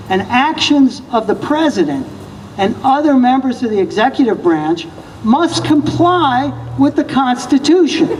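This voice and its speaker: An American speaker giving a deliberate, emphatic political speech at a public rally. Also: medium pitch, a little mellow. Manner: deliberate, emphatic, rhetorical questions. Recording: distant, reverberant PA with faint noise.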